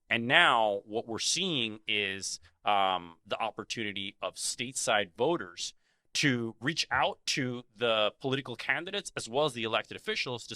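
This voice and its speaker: A man co-hosts a podcast in a measured, filler-heavy way, his voice mid-pitched and bright. The recording is dry and close, with no room sound. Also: dry recording. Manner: measured, many ums and you-knows. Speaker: podcast co-host. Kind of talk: conversational advocacy discussion.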